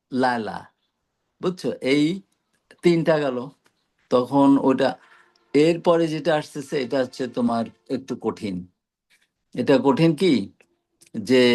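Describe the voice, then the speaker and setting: A man teaching Quranic pronunciation one-on-one, patiently explaining and repeating letter sounds with frequent pauses. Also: mid-range voice, vocal fry. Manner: patient, explains slowly with many pauses and fillers. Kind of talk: one-on-one tajweed lesson.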